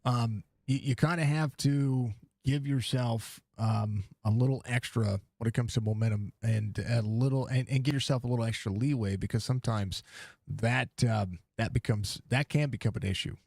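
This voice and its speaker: A man's voice: mid-range voice, normal speed, creaky, a little mellow, no room sound. A man hosting a race broadcast, with a mid-range voice and casual, upbeat interviewer patter. The sound is dry and close to the mic.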